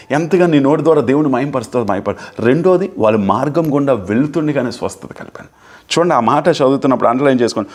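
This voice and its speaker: A man's voice: mid-range voice, a little mellow. A man preaching a fervent sermon as pastor, building emphasis through repeated phrases. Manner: fervent, repetitive preaching, rising and falling emphasis.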